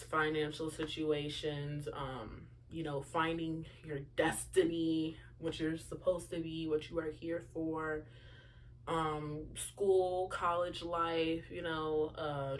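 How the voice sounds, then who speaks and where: A young woman chats casually to her listeners. She rambles, stacks up fillers and throws in side remarks. A faint hum sits under the recording. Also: deep voice. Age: young adult. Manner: chatty, lots of fillers and asides to listeners. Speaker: podcast host. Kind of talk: casual solo chat.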